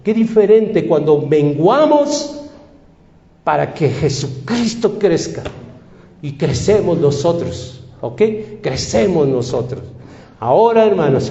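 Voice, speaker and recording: High, mellow-voiced preaching man. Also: sing-song, a little slow. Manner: emphatic preaching with repeated rhetorical questions. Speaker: pastor. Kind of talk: sermon. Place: church hall. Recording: echoey church hall, dull lo-fi sound.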